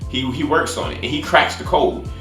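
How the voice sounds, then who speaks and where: Speaking briskly in a mid-range voice with lively intonation, this man hosts a film review channel and recaps a movie casually, spoilers included. His informal, conversational retelling carries a roomy echo over faint background music.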